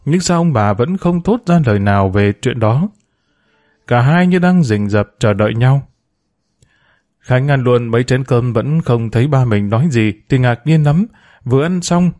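Narrator, male, mid pitch, steady audiobook reading. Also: no echo, clean studio sound. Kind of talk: scripted storybook narration.

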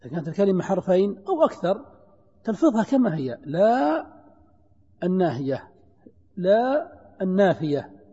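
A man's voice: high-pitched, sing-song, moderate pace, pauses often, warm tone, husky. A man teaching a grammar lesson in a classroom style, patiently explaining, repeating examples and putting questions to his students. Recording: dull lo-fi lecture recording in a reverberant hall.

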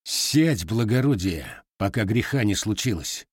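A man's voice: on the low side, lively intonation, a little slow, slightly rough, dry recording, clean studio sound. A man voicing a terse, fierce young male Cossack scout in an audiobook, cool and menacing.

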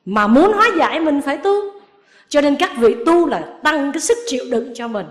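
Lively storytelling nun in an echoey room. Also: female voice, sits high, a little fast. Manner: lively storytelling, acts out quoted people, chuckles. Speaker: Buddhist nun giving a dharma talk. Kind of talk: sermon.

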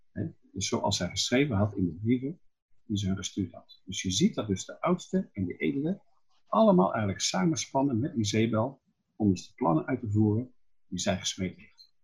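Husky, low-voiced male preacher. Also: darkish tone. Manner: explanatory, asks and answers his own questions. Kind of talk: sermon, Bible exposition.

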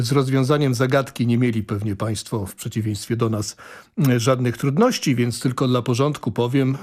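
A man's voice: medium pitch, a little mellow. A man hosting a radio program, conversational and lightly joking. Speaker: radio host. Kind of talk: radio presenting.

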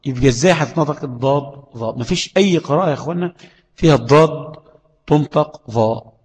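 A man's voice: fairly high pitch, rapid-fire, big-room sound, rough recording. A man with an Egyptian accent teaching tajweed, explaining letters and checking understanding with rhetorical questions. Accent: Egyptian Arabic. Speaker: Quran recitation teacher. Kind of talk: tajweed lesson.

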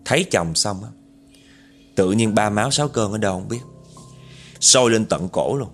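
A man's voice: on the low side, lively intonation, moderate pace, soft background music. A man telling a horror story, chatting directly to his listeners.

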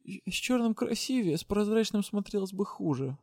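A woman's voice: on the low side, steady tone, brisk, dark tone, no room sound, clean studio sound, pitched above the performer's own voice, natural voice. A man voicing a young female academy student who is tearful and touchy, in an audiobook. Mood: wistful. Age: young adult.

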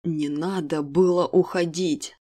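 A woman's voice: steady tone, normal speed, a little mellow. A woman doing a grim, icy male king. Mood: angry. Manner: low, icy, clipped delivery. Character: grim, furious male king, cold and menacing.

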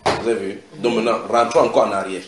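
A man preaching a sermon in a house church, animated and expressive. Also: lowish voice, quick pace. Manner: animated preaching with acted quotes and a shouted climax. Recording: echoey room, faint noise.

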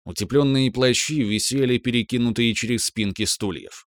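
A man narrating an audiobook in a calm, even storytelling manner. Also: mid-range voice, normal speed, dry recording, studio quality.

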